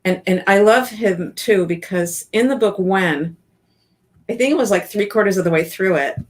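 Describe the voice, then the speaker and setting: A woman's voice: medium pitch, moderate pace. A woman in her fifties, a business coach, chatting enthusiastically as an interview guest. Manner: chatty and enthusiastic, with frequent restarts. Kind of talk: casual interview chat.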